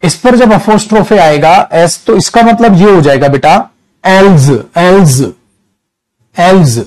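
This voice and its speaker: A man's voice: high-pitched, lively intonation, darkish tone. A middle-aged man teaching English grammar in a casual, teasing lecture style, calling students "beta". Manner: slow, chatty, teasing, calls students beta.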